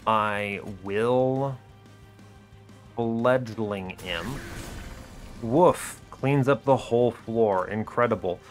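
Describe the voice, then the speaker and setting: A man hosts a gaming video, offering casual play-by-play in short, understated, dry remarks with music playing behind him. His voice is medium-pitched, and he speaks very slowly, pausing often.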